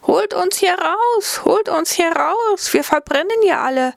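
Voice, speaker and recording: A woman voicing loaves of bread trapped in an oven, crying out in slow, high, pleading shouts. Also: expressive, gravelly, no room sound, heavily acted. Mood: panicked.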